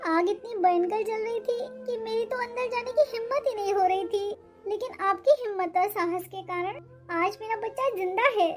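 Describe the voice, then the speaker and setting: A woman's voice: very high voice, moderate pace, music in the background. An emotional young cartoon mother. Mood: pleading. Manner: emotional, pleading. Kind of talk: Hindi cartoon voice acting.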